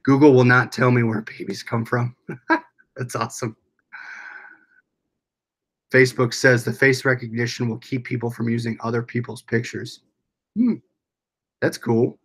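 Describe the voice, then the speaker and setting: A man's voice: medium pitch, flat delivery, unhurried, pauses often, a bit bright. Casual American man chatting on a livestream. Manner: rambling, reads and answers viewer comments aloud. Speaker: livestream host.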